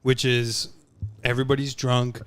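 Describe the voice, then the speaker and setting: A comedian guest telling a casual story with animated energy, acting out the lines he quotes. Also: mid-range voice, moderate pace, smooth.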